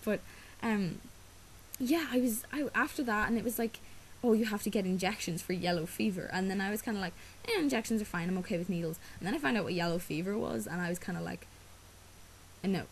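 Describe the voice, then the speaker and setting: Talking fairly quickly in a mid-range voice, an Irish-accented teen girl who grew up speaking Irish rambles to camera as a vlogger, full of "um" and "like." A cough has left her throat sore, and the rough recording carries a little hiss or hum.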